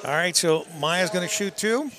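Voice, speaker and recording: Man, somewhat high voice, basketball commentator, dry, matter-of-fact. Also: expressive, normal speed, crowd noise. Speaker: sports commentator. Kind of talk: local sports commentary.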